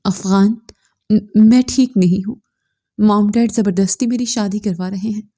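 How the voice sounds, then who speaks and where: Desperate young bride, read by a woman, tearful insistent pleading, mellow. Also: mid-range voice, steady tone, moderate pace, lightly acted.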